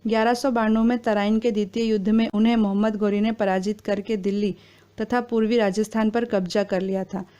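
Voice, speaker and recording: Woman, quiz narration, smooth clear voice, steady formal delivery. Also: medium pitch, fairly quick, lo-fi sound. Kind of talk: reading quiz questions and answers.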